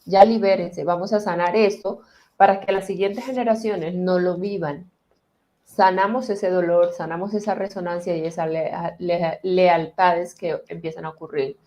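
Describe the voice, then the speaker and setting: A woman therapist explaining family patterns in conversation, calm and deliberate, slowing down as she guides listeners through a healing exercise. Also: on the low side, slight background noise.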